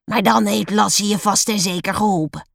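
A woman voicing a strict, short-tempered female schoolteacher in a storybook, shrill and shouting. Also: lively intonation, measured pace, gravelly, husky, dry recording, studio quality, heavily acted. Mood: stern, angry.

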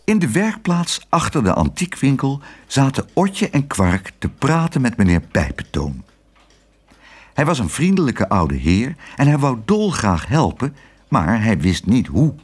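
Expressive man reading a children's story. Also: medium pitch, unhurried, husky.

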